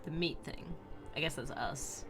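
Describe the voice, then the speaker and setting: A woman's voice: low voice, unhurried. A woman streamer giving playful, casual commentary as she plays a video game. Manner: playful, swings from muttering to loud exclamations. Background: music.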